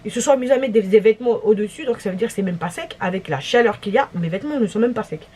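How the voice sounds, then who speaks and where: A young woman with a French accent, telling a story in a casual vlog, exasperated and animated, with many restarts. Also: medium pitch, very fast, breathy edge. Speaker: vlogger.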